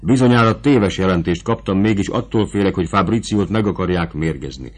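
A man's voice: low voice, slightly rough. A man reading the part of a proud, desperate duchess in an audiobook, in an urgent, intense manner. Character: proud desperate duchess, woman fearing for her nephew.

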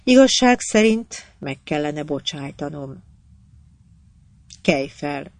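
A reader voicing a gentle, proud queen. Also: mid-range voice, expressive, no room sound, natural voice. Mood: murmuring. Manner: soft-spoken, murmuring at times. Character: proud grieving queen, gentle yet imperious. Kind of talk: audiobook character voice.

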